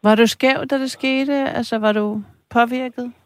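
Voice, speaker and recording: An interviewer keeps the conversation moving with short, direct questions. The voice sits at an average pitch. It speaks plainly, probing for details. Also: steady tone.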